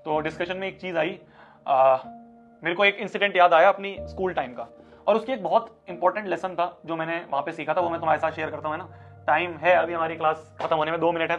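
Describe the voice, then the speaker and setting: A young man with a high, quick voice tells his students a story from his school days, jumping into heated speech voices as he plays out each scene. His sound is slightly muffled, with faint background music running beneath. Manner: animated, acts out scenes in a fiery speech voice. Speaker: online teacher. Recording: slightly dull audio with soft background music.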